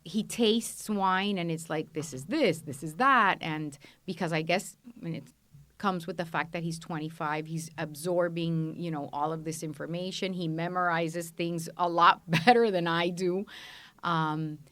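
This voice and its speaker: A middle-aged Colombian woman who owns a wine shop and restaurant answers questions conversationally as a guest in a studio podcast interview. Her voice is lowish and steady, a little slow, with a slightly bright tone.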